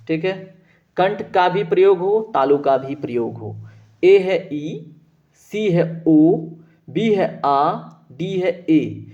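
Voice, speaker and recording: In dull lo-fi audio, a man with a fairly high, darkish voice teaches an online exam-prep lecture. He explains patiently, stretches out vowels to demonstrate sounds, and keeps checking in with "है ना" and "ठीक है," like asking "right?"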